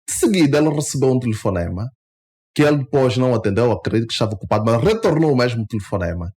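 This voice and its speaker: A man with an Angolan Portuguese accent sits as a guest in a radio studio. His voice is mid-pitched and he talks emphatically. When he is indignant his pitch shoots up sharply. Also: animated, very fast, a little mellow. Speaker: interview guest, party member. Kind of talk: radio interview.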